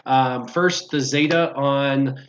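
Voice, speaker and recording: A man guesting on a gaming stream chats casually, answering viewers' questions and explaining things step by step. His mid-range voice is slow, and the lo-fi stream audio is dull with slight background noise.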